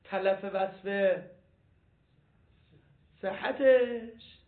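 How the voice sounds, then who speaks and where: A man teaching a seminary law class, reading passages aloud and questioning his students. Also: high-pitched. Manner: animated, repeats points, asks the class questions. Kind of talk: jurisprudence class lecture. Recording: phone-like lo-fi recording.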